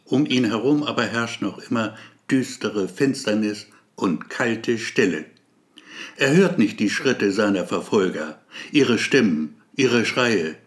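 A man narrating an audiobook with dramatic suspense. His pitch rises and falls expressively as he builds tension. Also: animated, slow pace. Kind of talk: scripted narration.

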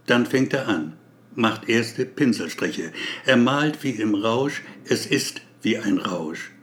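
A man narrating a story aloud in a measured way. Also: on the low side, animated, a bit bright.

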